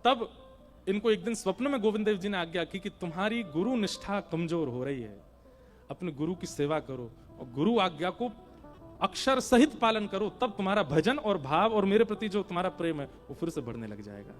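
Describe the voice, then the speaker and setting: A man preaching a devotional sermon in an animated storytelling style, acting out the people in his story. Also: high-pitched, moderate pace, soft background music. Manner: animated, breaking into song and acting out characters.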